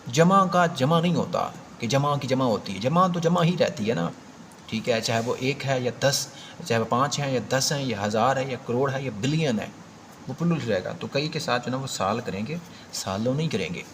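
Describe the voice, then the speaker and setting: A man's voice: mid-range voice, lively intonation, moderate pace, fairly bright tone, a little hiss or hum. A man with a Pakistani accent teaching an exam prep grammar lesson, explaining step by step and repeating key points with emphasis.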